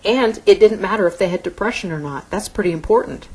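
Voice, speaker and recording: A woman's voice: medium pitch, fast talker, a little mellow, breathy edge, low-quality recording. A middle-aged woman physician giving a conversational medical lecture to an audience, explaining in a plain, easygoing way. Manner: explanatory, conversational, occasional restarts.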